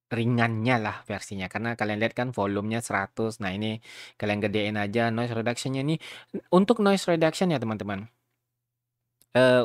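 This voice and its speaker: A YouTuber casually walks viewers through a software tutorial, chatting informally, checking in with them often and using streamer slang. His voice is medium-pitched, and the recording is dry and studio quality.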